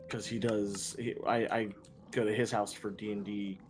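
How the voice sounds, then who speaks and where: A man's voice: fairly low pitch, little pitch movement, normal speed, music in the background. A man streaming a game and chatting casually, rambling with frequent restarts and self-deprecating asides. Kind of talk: casual chat while gaming.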